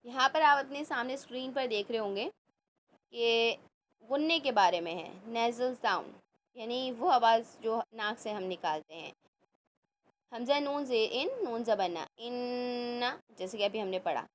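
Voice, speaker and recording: A woman teaching a children's Quran class, explaining and reciting slowly and carefully. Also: a little high, lively intonation, slight background noise. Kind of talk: children's tajweed lesson.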